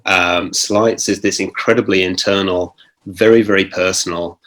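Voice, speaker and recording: A man speaking on an online panel over a video call, thoughtful and halting, with many pauses and restarts. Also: sits low, fairly even intonation, fairly bright tone.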